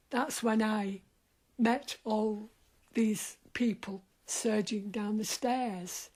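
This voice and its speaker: An older woman, once an office worker, recounts her memories slowly and deliberately in an interview. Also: mid-range voice. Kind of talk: interview recollection.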